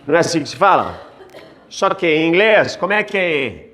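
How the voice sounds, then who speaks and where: A woman teaching a basic English lesson, slowly drilling letters and sounds for the listener to repeat. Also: sits low, very animated, a bit bright, slight background noise. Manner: slow, drilling letters for repetition.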